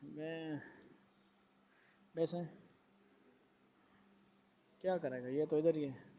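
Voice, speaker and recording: Brief: male religious teacher, higher voice, monotone reading, asks the class questions, faint hiss underneath. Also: dull audio. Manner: reads a passage, then asks rhetorical questions and explains. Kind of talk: reading a religious book aloud with commentary.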